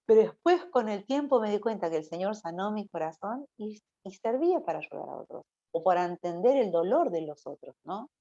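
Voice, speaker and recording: A woman's voice: medium pitch, sing-song, fairly quick, hardly any pauses, mellow. A woman preaching to a church youth group in a conversational way, often closing her phrases with a questioning "no?". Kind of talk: informal Bible teaching sermon. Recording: dull lo-fi recording.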